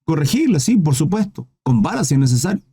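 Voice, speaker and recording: A man's voice: fairly high pitch, very animated, quick pace, dark tone, slightly rough, dry recording, clean studio sound. A man preaching a live Bible teaching in a direct, exhorting way.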